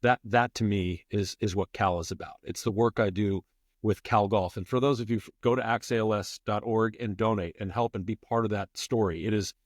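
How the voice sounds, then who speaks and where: In a spirited conversational podcast interview, a middle-aged guest who was formerly a public address announcer speaks fairly quickly in a lowish, steady voice. He is emphatic and repeats phrases for stress, and the recording is studio quality with no echo.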